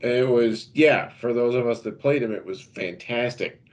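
A man co-hosting a podcast, chatting casually and quickly about fantasy racing picks, laughing easily. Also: medium pitch, darkish tone. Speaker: podcast co-host. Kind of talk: casual sports betting chat.

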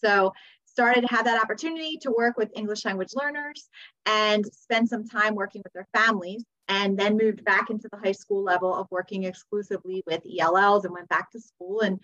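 A woman's voice: mid-range voice, steady tone, fairly quick, fairly bright tone. American woman guest, slightly muffled audio. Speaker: podcast guest, teacher and author. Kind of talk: conversational personal storytelling.

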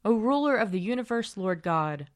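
A woman worship leader reading scripture and prayers aloud in a solemn, measured, formal way. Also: medium pitch, expressive, dry recording, studio quality. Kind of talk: liturgical reading and recited prayer.

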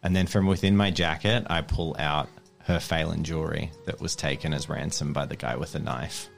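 A man playing a tabletop game, speaking calmly and confidingly in and out of character. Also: moderate pace, gravelly, faint music behind. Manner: calm, low-key and confiding. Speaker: player.

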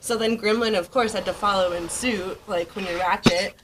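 A woman's voice: mid-range voice, steady tone, normal speed, very noisy. A young woman in casual chat, giggly and rambling through night-out stories with plenty of filler words. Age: young adult.

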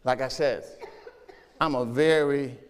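A pastor preaching a lively sermon, shouting one moment and dropping low the next, talking straight to his congregation. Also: takes it slowly, in a large hall, a little hiss or hum.

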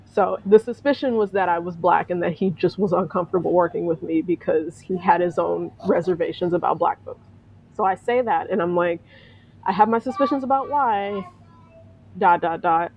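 A woman's voice: lowish voice, moderate pace, dull audio, slight background noise. A woman telling a personal story in casual spoken style, acting out the voices of the people in it and laughing often. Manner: animated, acts out quoted voices, laughs often. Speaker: storyteller, veterinary technician.

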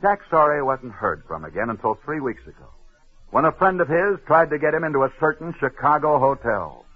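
In a tinny old radio broadcast, a man with a fairly high, sing-song voice and a breathy edge speaks fairly quickly. He hosts a sports story show, telling tales and reading ads in a punchy, dramatic 1940s radio style with sudden drops.

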